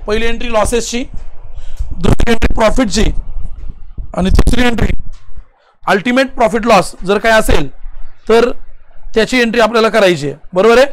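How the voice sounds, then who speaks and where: High-voiced Indian teacher drilling a class. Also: male voice, background noise. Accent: Marathi. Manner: urges students to answer aloud quickly; repeats and drills steps. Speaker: commerce teacher. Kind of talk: accounting lesson.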